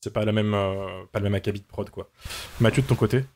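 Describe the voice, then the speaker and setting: A man's voice: on the low side, fairly even intonation, quick pace, darkish tone, a little hiss or hum. A man moderating a casual panel discussion as host.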